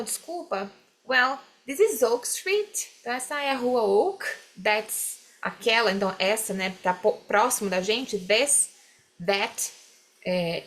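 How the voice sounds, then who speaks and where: A woman teaching English, explaining phrases slowly and having students repeat them. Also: mid-range voice. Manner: drills phrases slowly, mixes English lines into Portuguese explanation. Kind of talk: classroom explanation.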